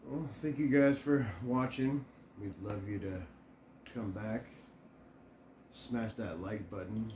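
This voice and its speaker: A man in his forties with a fairly low voice co-hosts a ghost-hunting video. He talks casually and puts short questions to spirits without hurry. The room is echoey, with loud noise around his voice. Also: takes it slowly, pauses often. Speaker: co-host of a paranormal investigation video. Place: living room at home, indoors. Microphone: camera a few feet away. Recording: roomy echo with loud noise. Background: loud noise from a spirit box session.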